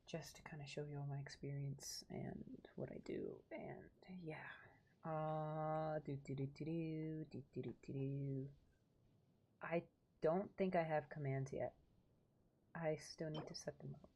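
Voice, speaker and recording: A woman streaming a game chats casually, rambling both to her viewers and to herself. Her voice sits low and dark with fairly even intonation, and she talks slowly, pausing often.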